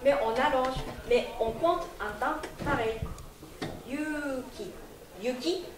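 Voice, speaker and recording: Slow, high-voiced woman teaching a class. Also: background noise. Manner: slow, repeats words for the class to echo. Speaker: Japanese language teacher. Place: festival hall with audience. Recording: echoey hall from far off, audience.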